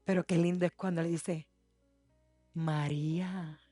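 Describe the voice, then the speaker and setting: A woman pastor preaching a sermon, moving from soft, hushed passages to loud, impassioned declarations. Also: mid-range voice, slow pace, no room sound, soft background music. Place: church.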